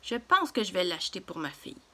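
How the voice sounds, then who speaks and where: A woman's voice: lowish voice, big pitch swings, fast, a bit bright. A woman voicing a jumpy female shopper. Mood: admiring.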